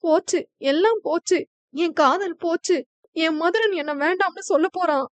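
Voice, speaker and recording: A tearful young woman in love, as a woman narrator puts her on in a romance audio novel. She pleads in a high voice lifted well above the narration, and the recording is dry and close. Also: lively intonation, a little slow, no echo.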